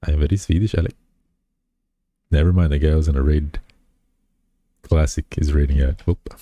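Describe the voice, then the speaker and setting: A VTuber chats casually on his home stream and reads his chat aloud, speaking into a close desk mic in an extremely low, mellow, steady voice at a slightly fast pace. He rambles and pokes fun at himself, full of fillers and restarts, and the recording is dry.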